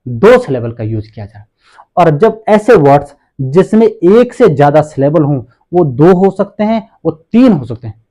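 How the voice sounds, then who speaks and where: A man teaches grammar in a lively voice that keeps rising and falling. His tone is mellow and fairly high. He asks his own questions and then answers them slowly. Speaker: English teacher. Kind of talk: classroom grammar lesson.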